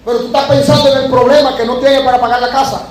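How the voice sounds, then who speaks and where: High-voiced man preaching in an echoey church. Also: flat delivery, quick pace. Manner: preaching with sudden shouted emphasis and sharp drops. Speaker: pastor. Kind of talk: sermon. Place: church hall. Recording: echoey church hall, faint noise.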